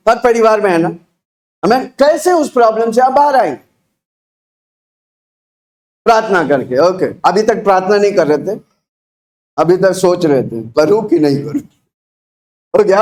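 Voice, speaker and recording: An Indian-accented man preaching a loud, booming call-and-response sermon, urging listeners to repeat phrases and throwing rhetorical questions at them. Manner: booming, exhorting delivery with shouted prompts for the congregation to repeat. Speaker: preacher leading a church congregation.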